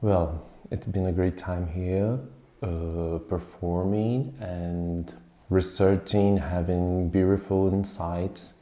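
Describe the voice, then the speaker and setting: Male musician guest, very low and mellow voice, reflective, recorded in an echoey room. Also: steady tone. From Brazil. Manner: unhurried, thoughtful, pauses with fillers. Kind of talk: interview answers, reflective storytelling.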